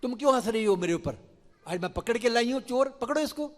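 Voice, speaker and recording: Shrill scolding village milkmaid woman, put on by a male preacher, high and loud in a reverberant hall. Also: lively intonation, brisk. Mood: indignant. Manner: shrill, accusing.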